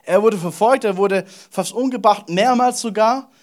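A man preaching a sermon, swinging between loud emphasis and quiet asides, often repeating words and speaking straight to the listener. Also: high-pitched, normal speed. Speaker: pastor.

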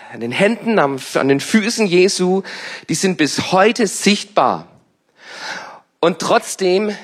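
A man in his fifties preaching a sermon as a pastor, hoarse with a scratchy smoker's rasp, deliberate and emphatic with pauses and repeated phrases. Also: high voice, a bit bright. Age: 50s. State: hoarse from a lingering irritated throat. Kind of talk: sermon to a congregation.

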